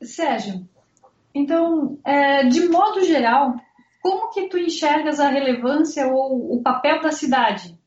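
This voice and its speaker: Woman from southern Brazil, high voice, roomy echo, dull sound; measured architect interviewer. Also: a little mellow. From Blumenau, southern Brazil. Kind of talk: interview questions.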